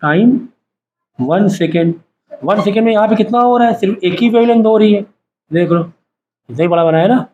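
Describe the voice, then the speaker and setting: A man's voice: sits high, normal speed, long pauses, darkish tone, muffled recording, slight background noise. A male science teacher giving a classroom lecture, asking the class short questions and having them repeat terms back to him. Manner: quizzes students with repeated call-and-response questions. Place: classroom with students.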